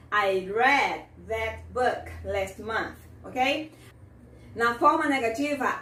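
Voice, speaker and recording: A high-pitched woman teaching an English grammar lesson at an unhurried pace. She speaks her example sentences slowly and with care, repeating them for the learner. Her voice sits a little away from the mic in a roomy, echoing space. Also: fairly bright tone, recorded from a distance.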